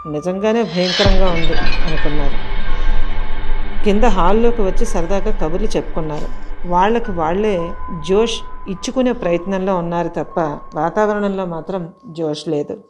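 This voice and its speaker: Female storyteller, lowish voice, dramatic spooky narration, soft music bed. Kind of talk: scripted audio story narration.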